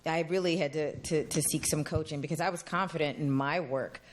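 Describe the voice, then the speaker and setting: Low-voiced woman, team leader, measured and candid on a panel. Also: fairly even intonation, slight background noise. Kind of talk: panel discussion.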